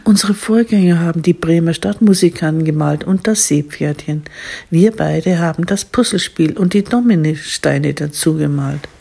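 A woman's voice: low-pitched, moderate pace, vocal fry, dark tone, husky, full character voice. A woman voicing a cheerful young female student in a story.

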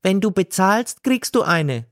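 A man putting on a shrill scolding sausage-stand woman. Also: very animated, unhurried, no echo, studio quality. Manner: shrieking, indignant outbursts.

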